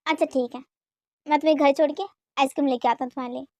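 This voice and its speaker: An indulgent young husband who stammers and hedges whenever he is pressed, played by a woman in an amateur fan dub. The voice sits very high for a man and is recorded dry and close. He speaks in placating, hesitant phrases. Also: fairly even intonation, rapid-fire, dark tone, dry recording.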